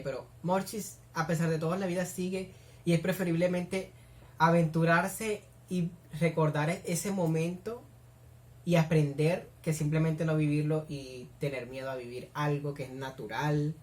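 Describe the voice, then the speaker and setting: With a low, somewhat dark voice, this young Colombian woman reacts to what she's watching from her home, squealing and gushing in an effusive, casual commentary for her reaction video.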